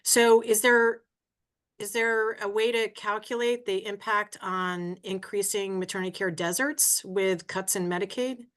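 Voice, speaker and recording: A woman's voice: medium pitch, fairly even intonation, measured pace, a bit bright. A woman attending a webinar, asking a polite question with some ums.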